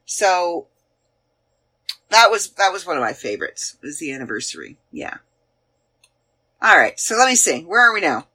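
Canadian woman, 40s, podcast host, lively pitch, bright tone, rambling casual chat. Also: normal speed, long pauses, breathy edge. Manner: chatty, rambling, searching aloud with fillers. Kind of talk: casual chat looking back on past episodes.

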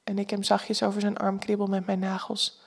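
A woman with a Dutch accent giving calm, intimate first-person story narration. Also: mid-range voice, a little fast, creaky, breathy edge.

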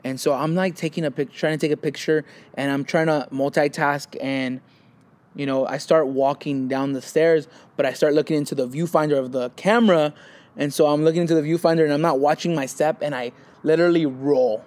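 Brisk and fairly high-pitched, this young male co-host of a casual talk podcast spins animated anecdotes. He performs other people's lines as he quotes them.

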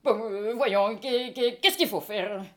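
A woman's voice: mid-range voice, slow pace, a bit bright. A woman with a French accent reading the part of an indignant middle-aged husband, in a stage reading. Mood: flustered. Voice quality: pompous, mock-solemn.

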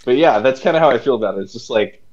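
A man's voice: medium pitch, animated, racing, darkish tone, highs cut off. A man co-hosting a casual podcast chat, rambling with lots of "like" and "you know" fillers. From United States.

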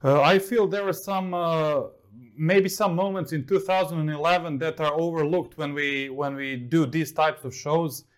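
With a fairly high pitch and a mostly even intonation, this man from Serbia talks like the sports journalist he is, co-hosting a relaxed talk show. His style is measured and analytical, full of fillers.

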